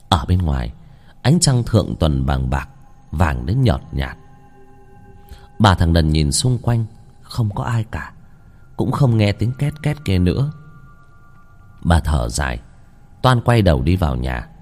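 A man tells a ghost story in a low, husky voice, hushed and dramatic. His delivery swings widely in pitch to build suspense. Soft music plays faintly behind him.

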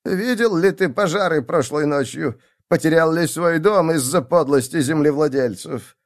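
A man voicing a frightened male cultist agitator who whimpers and pleads in a high, panicked squeak. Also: moderate pace, natural voice. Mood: smooth, persuasive.

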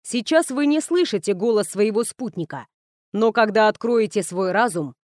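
Give me a woman playing a steady, composed young nobleman in an audiobook, dry and close. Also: medium pitch, normal speed, no room sound, lightly acted. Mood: instructive. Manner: level, composed delivery. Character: young male noble master, calm and steady. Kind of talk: audiobook character voice.

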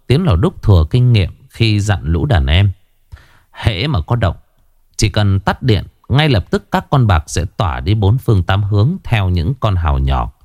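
A man narrating a crime story in an expressive storytelling manner. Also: on the low side, dry recording, clean studio sound. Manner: expressive, animated delivery.

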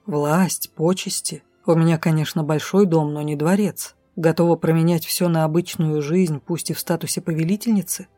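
A woman voicing a possessive male dark elf lord who speaks low and clipped, hissing through his teeth. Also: fairly even intonation, normal speed, hardly any pauses, dry recording, soft background music. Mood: brooding.

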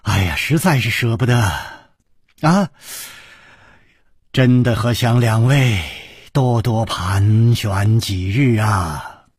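A courteous young male lord who sighs and heaps on polite praise, as a storyteller puts him on. The voice is low, husky and slow, dry near the mic. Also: dry recording, exaggerated voice. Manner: polite, sighing, effusive. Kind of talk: radio storytelling.

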